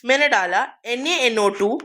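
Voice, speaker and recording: A woman's voice: fairly high pitch, a little slow, pushed and bright. A young woman teaching chemistry in a lecture, repeating each step and quizzing her students as she goes. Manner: repeats steps and quizzes students, calls them beta. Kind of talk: Hindi-English classroom lecture.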